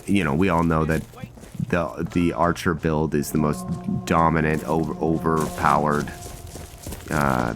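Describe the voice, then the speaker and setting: A man giving casual let's-play commentary on a role-play game, thinking aloud in rambling, broken-off phrases. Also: a bass voice. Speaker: gameplay host.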